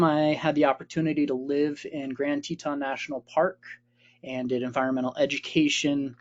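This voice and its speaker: A man in his late thirties, an expedition leader giving an informal webinar presentation, relaxed and friendly, with many fillers. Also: on the high side, dull audio. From Vermont.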